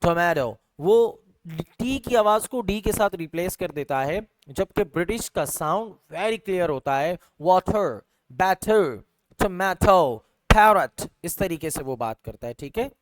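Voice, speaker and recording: A man teaches an online English class, patiently walking through example words and repeating them. His voice sits high and comes across smooth and clear. The sound is dry and close to the mic, as on a video call. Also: lively intonation, unhurried, dry recording. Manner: explains patiently, repeating example words and saying "theek hai" often; Urdu-flavoured Hindustani speech with English terms mixed in.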